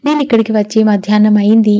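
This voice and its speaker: A woman's voice: medium pitch, fast talker, mellow, highs cut off, natural voice. A woman reading the part of a spirited young woman who protests emphatically in a storybook reading. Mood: indignant.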